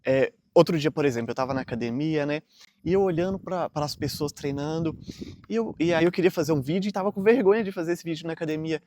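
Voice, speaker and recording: A man, speaking to camera in an earnest, rambling vlog. He leans on fillers and restarts as he works through his point. His voice sits a little high for a man. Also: quick pace, darkish tone, a little hiss or hum. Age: 30s. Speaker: vlogger. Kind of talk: casual motivational monologue to camera.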